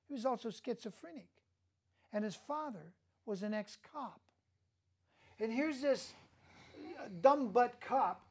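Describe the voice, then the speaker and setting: A man hosting a studio talk show, ranting emphatically and indignantly. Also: extremely high pitch.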